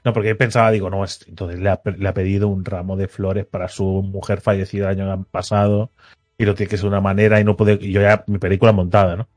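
Animated storyteller, mid-pitched man. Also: fast. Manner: animated, acts out quoted people, teasing. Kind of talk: casual storytelling chat.

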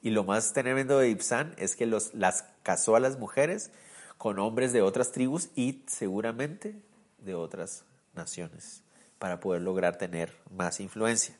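A man preaching a sermon in a lively way, often asking the listeners questions and swinging from loud bursts to quiet, low lines. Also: measured pace. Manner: animated, swings from loud to soft; asks the listeners rhetorical questions.

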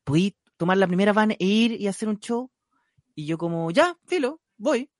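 A man's voice: high-pitched, a little fast, a little mellow, no room sound, clean studio sound. A man with a Chilean accent, a stand-up comedian talking loosely in a casual chat. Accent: Chilean Spanish. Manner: loose slangy talk with restarts.

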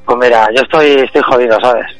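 A man, a guest on a comic radio show, talking in halting, repeated phrases and laughing through a mock lament. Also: mid-range voice, no echo, faint music behind, low-quality recording. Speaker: phone-in guest.

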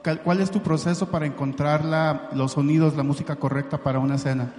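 Admiring audience member, hesitant, long hall reverb. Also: male voice, on the high side, fairly even intonation, fairly quick, darkish tone. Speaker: audience member asking a question. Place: large lecture hall.

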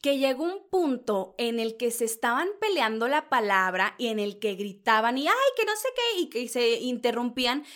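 A woman from northern Mexico with a northern Mexican accent, hosting celebrity gossip in a loud, dramatic, chatty way and acting out other people's lines. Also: on the high side, normal speed, few pauses. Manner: loud, animated, dramatic, mimics others mid-story. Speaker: entertainment gossip host. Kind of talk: casual celebrity gossip commentary.

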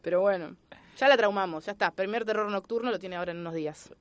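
A woman's voice: mid-range voice, quick pace, no room sound. An Argentine woman chatting as a podcast guest, telling stories animatedly and acting out quotes. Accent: Argentine Spanish. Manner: animated storytelling with acted-out quotes. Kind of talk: casual chat.

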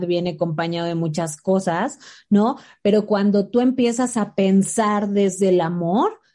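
Mellow-voiced woman, eager co-host. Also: mid-range voice. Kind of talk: casual chat.

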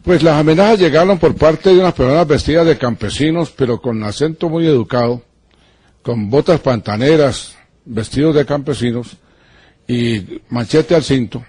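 Lawyer guy being interviewed, husky, dry sound, earnest and deliberate, points fingers. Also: mid-range voice, darkish tone, no room sound. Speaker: lawyer giving an interview about threats. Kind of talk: interview answers.

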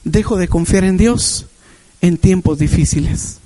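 A man's voice: high-pitched, a little slow, mellow, poor audio. A man preaching a Sunday sermon in a church, sharing a personal testimony with emphatic repetition.

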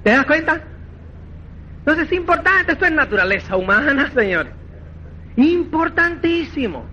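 High-pitched animated male seminar speaker. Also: normal speed, dull audio, slight background noise. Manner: animated, acts out quoted dialogue, keeps asking "¿me entiendes?". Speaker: network marketing trainer. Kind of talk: motivational seminar talk.

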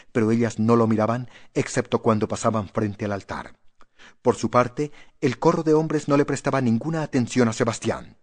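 Male audiobook narrator, measured and steady, mid-pitched horror reading.

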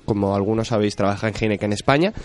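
A young man talks as a radio guest, rambling and joking as he piles up dates and match scores. His voice sits at an ordinary pitch for a man. Faint music runs underneath. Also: rapid-fire. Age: 20s. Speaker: guest, rugby fan. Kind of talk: casual radio interview.

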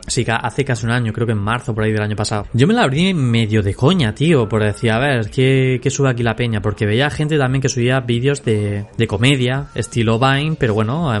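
Young male podcaster, Castilian Spanish accent, medium pitch. Informal, slangy, loose and rambling, speaking directly to his audience. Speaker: podcast host and social media creator. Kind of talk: casual solo podcast chat.

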